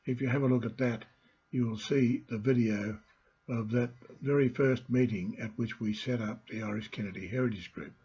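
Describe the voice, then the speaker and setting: Husky older man giving a talk. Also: medium pitch, steady tone, normal speed, mellow, dull audio. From Australia. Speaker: host, family historian and storyteller. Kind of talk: informal heritage talk to viewers.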